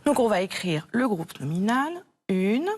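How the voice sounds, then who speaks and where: A French woman teaching a primary school spelling lesson, speaking slowly and clearly, patient and encouraging as she repeats each word for a young pupil. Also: medium pitch, sing-song, darkish tone, a little hiss or hum. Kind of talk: slow, clear classroom instruction to a child.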